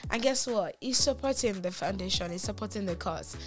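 A woman chef from Nigeria, talking in an animated, emphatic way in a casual studio chat. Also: mid-range voice, a little fast. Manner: animated, emphatic, preachy about giving back. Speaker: chef and event organizer. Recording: music playing behind.

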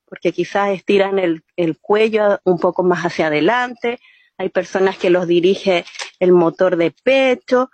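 A woman's voice: on the low side, measured pace, a little mellow, dry recording. A woman, a storytelling teacher, explaining voice and body exercises step by step in an interview. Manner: patient, explains step by step with "¿cierto?" checks. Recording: muffled, dry sound.

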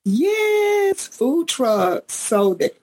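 A woman guest from a community center talking on a radio show, relaxed and a little halting as she lists plans. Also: sits high. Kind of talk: casual radio interview.

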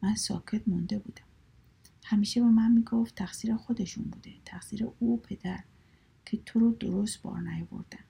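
A woman voicing a sly, teasing young sister in a soft whispered story reading. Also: medium pitch, creaky, breathy edge, exaggerated voice.

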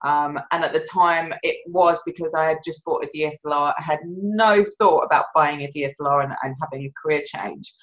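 Animated woman telling her story. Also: deep voice, fairly quick, few pauses, dull audio. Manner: animated, rambling, laughs at herself. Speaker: filmmaker and guest. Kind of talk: conversational interview storytelling.

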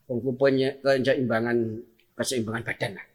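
A man's voice: medium pitch, little pitch movement, moderate pace. A man with a Javanese accent telling a story in casual chat, acting out scenes with sound effects. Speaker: guest telling a tall tale.

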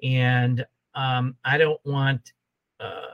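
On a relaxed podcast, a sixty-something man who works as a holistic health coach talks extremely slowly in a level, mid-range voice. He wanders and circles back over the same points, and the sound is lo-fi.

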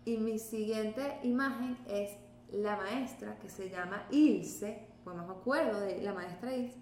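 A woman's voice: medium pitch, measured pace, a little mellow, reverberant, a little hiss or hum. A young adult woman, co-hosting a web show and telling stories in casual chat, laughing often. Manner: chatty storyteller, laughs often.

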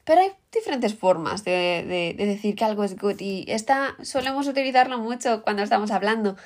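A woman's voice: medium pitch, animated, brisk. A woman with a Peninsular Spanish accent giving an upbeat English lesson, explaining vocabulary and saying the example words in English. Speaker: English teacher. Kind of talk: language lesson.

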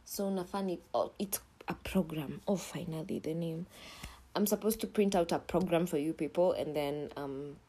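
A woman's voice: low-pitched, moderate pace, dark tone, slightly rough. A young woman with a Kenyan accent hosting her own podcast in a casual, blunt monologue, swearing freely and mixing in Swahili slang, sometimes dropping to a near whisper. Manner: drops to a whisper at times. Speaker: podcast host.

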